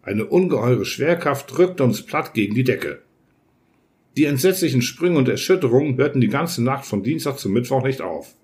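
A man narrating a science fiction audiobook in a measured storytelling manner. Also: mid-range voice, expressive, darkish tone. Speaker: audiobook reader.

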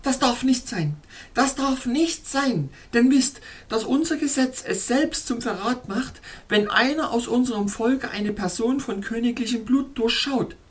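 A woman's voice: sits high, big pitch swings, takes it slowly, voice pushed up, heavily acted. A woman voicing a sorrowful, anxious young fairy princess in a storybook reading, with a pleading, tremulous murmur. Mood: alarmed.

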